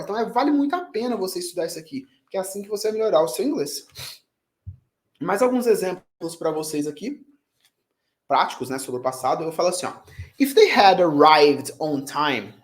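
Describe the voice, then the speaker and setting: A man teaching an online English lesson. He reads English example sentences slowly and then translates them. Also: high voice.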